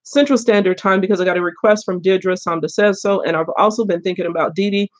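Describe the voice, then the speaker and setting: A woman's voice: mid-range voice, fast, dull audio. An older woman hosting a casual book live stream with a head cold, chatty and laughing often as she greets viewers. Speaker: booktube host.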